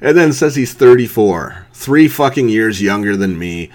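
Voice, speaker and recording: Deep-voiced man in his thirties ranting. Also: lively intonation, unhurried. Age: 30s. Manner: mocking, blunt, heavy swearing, laughs at his target. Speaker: podcast host. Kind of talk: profane ranting commentary.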